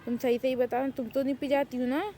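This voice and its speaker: A woman's voice: high voice, flat delivery, warm tone, slight background noise, lightly acted. A woman voicing a whiny childlike young man. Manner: whiny, pouting, complaining. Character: sulky childlike young man who loves banana milkshake. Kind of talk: amateur Urdu fan drama.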